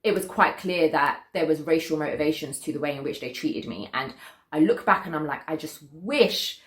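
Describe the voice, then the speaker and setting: A woman's voice: deep voice, moderate pace. A young British woman telling a personal story casually, in an emphatic, indignant way, repeating points for stress. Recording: roomy echo.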